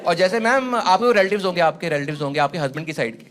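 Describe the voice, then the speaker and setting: High-voiced man doing stand-up. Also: lively intonation, racing, a faint crowd. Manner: conversational, mixes in English phrases, acts out quotes. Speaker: stand-up comedian. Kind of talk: stand-up comedy set. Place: comedy stage before a live audience. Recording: loud live audience laughter and noise.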